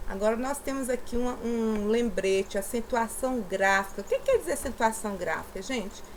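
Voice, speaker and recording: A woman from southeastern Brazil teaches a primary class in a recorded lesson. Her voice sits a little high, and she coaxes patiently and punches out syllables as she speaks. A faint hiss of background noise runs underneath. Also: lively intonation, normal speed, low-quality recording. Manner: patient, coaxing, stresses syllables aloud.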